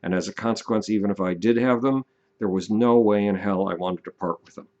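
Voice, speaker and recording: An older man speaks in a fairly low voice, leaning hard on key words and drawing them out. He delivers a casual but deliberate monologue straight to the listener. The sound is dull and lo-fi. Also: darkish tone. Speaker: commentator.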